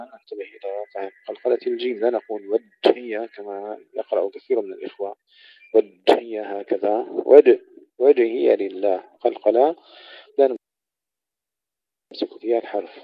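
A man gives a Quran recitation lesson. He chants verses slowly and melodically, then explains pronunciation points at a quicker clip. The audio sounds dull and lo-fi, with a dry, close feel. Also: fairly low pitch, creaky, no echo. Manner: alternates slow melodic recitation with brisk explanation.

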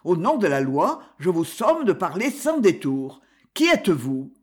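A shrewd, commanding detective from an old crime story, read by the narrator of the audiobook. He speaks slowly and deliberately, with a lively rise and fall, and he leans hard on key words. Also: mid-range voice.

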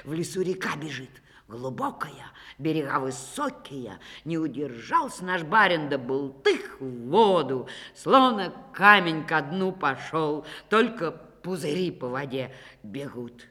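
Animated woman reading a fairy tale. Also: low voice, a little slow, long reverb tail. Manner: lively, dramatic shifts between hushed and loud. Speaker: storyteller.

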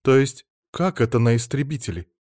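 A man's voice: mid-range voice, moderate pace, no room sound, studio quality, close to an everyday voice. A man voicing a shrewd, practical middle-aged mother in an audiobook, raising his voice to play her. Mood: surprised. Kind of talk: audiobook reading.

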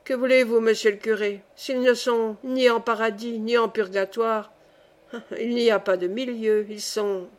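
A grand, solemn male angel keeping his great ledger, voiced by a woman reading aloud, formal and probing in a storybook tale. His tone stays fairly high, and the delivery is slow and deliberate. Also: fairly even intonation, close to an everyday voice.

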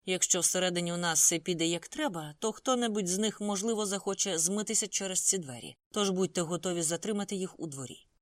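A reader playing a gang leader who speaks with calm authority. Each order comes out firm and measured. The audiobook recording is close and dry. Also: medium pitch, no echo, lightly acted. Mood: commanding.

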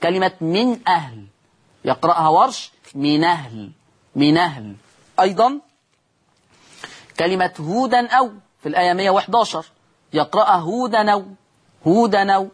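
A man's voice: high voice, lively intonation, fairly quick, long pauses, slightly rough. A man with an Egyptian accent teaching Quran recitation rules on television, explaining step by step and answering his own questions. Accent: Egyptian Arabic.

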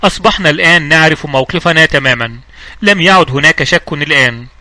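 A man reading the part of a calm, authoritative elderly judge, speaking in measured, clear words. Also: fairly high pitch, no echo. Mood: commanding. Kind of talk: audiobook reading.

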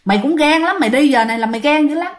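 A woman's voice: sits high, animated, very fast, voice pushed up. A woman voicing a scolding but caring old grandmother.

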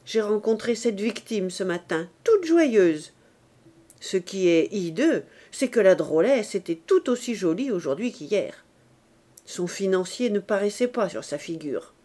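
A woman's voice: mid-range voice, animated, unhurried, dark tone. A woman reading the part of a cynical drunken young man in an audiobook, ranting bitterly in a declamatory way.

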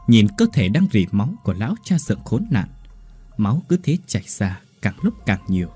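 A man's voice: lowish voice, mellow. A man narrating a horror story with dramatic delivery. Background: faint music.

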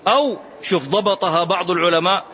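A man's voice: high-pitched, fast, bright, forceful tone, breathy edge. A man delivering a religious lesson as a lecturer, speaking emphatically, asking rhetorical questions and repeating key phrases. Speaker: Islamic lecturer. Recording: dull lo-fi lecture recording.

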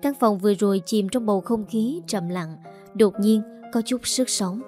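A woman's voice: medium pitch, normal speed. A woman narrating a first-person family story as an audiobook reader, voicing the lines of every character. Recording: soft music underneath.

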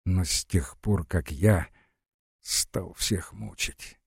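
A man voicing an aging, pious army general who confides his fears in a hushed, halting way. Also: sits low, gravelly, breathy edge, no echo, clean studio sound, exaggerated voice. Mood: confessional. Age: older.

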